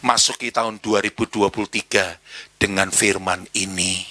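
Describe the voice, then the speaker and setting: A man with an East Javanese accent preaching a sermon in church, animated and slipping into Javanese slang while acting out voices. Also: on the low side, normal speed. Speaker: pastor.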